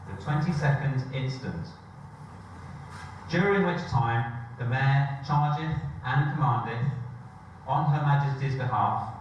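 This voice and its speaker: A man's voice: medium pitch, a little hiss or hum. A man reading a formal proclamation in a town crier's stately, declamatory manner, heard from far off in an echoey room. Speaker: official reading the Mayor's proclamation. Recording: echoey hall from far off, dull.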